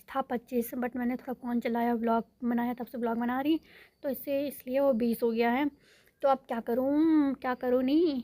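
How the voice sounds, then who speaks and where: A woman's voice: a little high, dark tone, no echo. A young woman vlogging casually from her village home, rambling and correcting herself as she talks to her viewers. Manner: rambling, self-correcting, addresses viewers as guys. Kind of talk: casual chatty vlog monologue.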